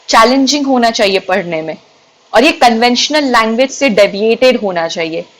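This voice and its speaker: A young adult woman with an Indian accent teaching an exam-prep lecture, explaining step by step and reading definitions out slowly. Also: fairly high pitch, rough recording. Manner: explains step by step, switching between Hindi and English, reads definitions slowly.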